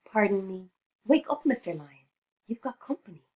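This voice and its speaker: A woman voicing a tiny, timid male mouse in a storybook reading, earnest and squeaky. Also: big pitch swings, normal speed, lo-fi sound, close to an everyday voice. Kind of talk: storybook read-aloud.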